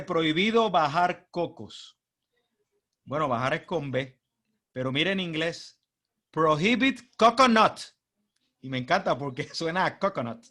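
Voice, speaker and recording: As a guest speaker at a club meeting, a man from Puerto Rico with a Puerto Rican Spanish accent gives a chatty, funny informal talk, posing rhetorical questions to the audience. His fairly high voice sounds pushed and bright.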